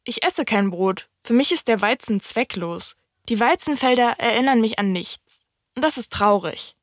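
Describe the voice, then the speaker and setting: A woman reading a calm, wise fox. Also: on the high side, moderate pace, dry recording, clean studio sound, natural voice. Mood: wistful. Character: fox, a wise, wistful wild fox. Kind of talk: audiobook reading.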